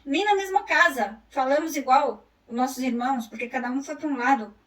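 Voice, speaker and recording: High-voiced Brazilian woman teacher. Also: fairly quick, a bit bright, reverberant, far from the mic, rough recording. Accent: Brazilian Portuguese. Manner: explanatory, asks the class rhetorical questions. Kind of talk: recorded online lesson.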